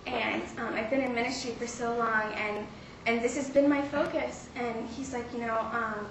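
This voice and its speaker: A young woman shares a heartfelt testimony in an earnest, halting way, often pausing on fillers. Her voice sits a little high and is picked up from a distance in a very echoey room. Steady background noise runs underneath. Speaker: speaker sharing a testimony. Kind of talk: personal faith testimony. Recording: roomy, distant mic with clear background noise.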